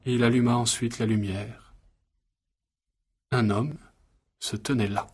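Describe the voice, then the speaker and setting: A man reading a story aloud in an even, measured way. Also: mid-range voice, breathy edge. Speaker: narrator. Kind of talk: scripted story narration.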